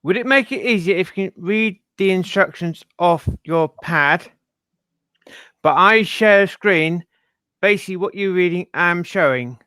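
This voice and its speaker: A man on a video call who offers help by asking questions. His voice is high and bright, crisp and clear. The sound is dry and close. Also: measured pace, no echo. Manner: helpful, offers suggestions as questions. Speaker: call participant. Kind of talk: casual video-call chat.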